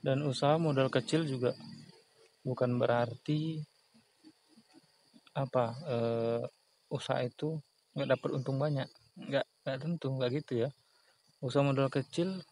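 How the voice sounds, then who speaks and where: Outdoors in a palm and banana plantation, a man with a slightly mellow mid-range voice gives casual, earnest small-business advice, repeating his points and chuckling at himself. The audio quality is poor.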